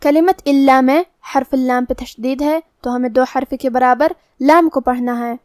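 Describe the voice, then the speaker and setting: A woman teaching the rules of Quran recitation, explaining each letter methodically between slow recited verses. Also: high voice, fairly even intonation, darkish tone, no room sound, studio quality. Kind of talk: tajweed lesson with slow recitation.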